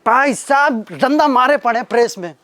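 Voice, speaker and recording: A man's voice: extremely high pitch, moderate pace, dry recording. Young man from doing stand-up. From Uttar Pradesh, India. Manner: animated, self-mocking anecdote telling. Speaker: stand-up comedian. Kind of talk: stand-up storytelling.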